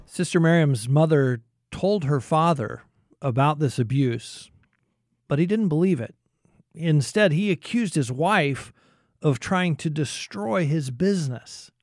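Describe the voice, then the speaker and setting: A man's voice: fairly high pitch, animated, measured pace, darkish tone, dry recording, clean studio sound. A man presenting and narrating a radio programme from a script as its host.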